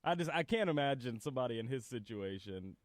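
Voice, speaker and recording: A Midwest American man co-hosting sports radio, his pitch rising and falling a lot as he talks. He laughs easily and works through his thoughts in long sentences. The studio sound is dry. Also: animated, fast talker, no room sound. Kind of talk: casual sports talk radio banter.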